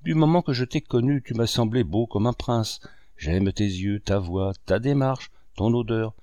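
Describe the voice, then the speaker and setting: A man's voice: lowish voice, a little slow, dark tone, no echo, dull audio, close to an everyday voice. A man voicing a desperate, lovesick married woman who pleads and implores in an audiobook reading. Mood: adoring, imploring.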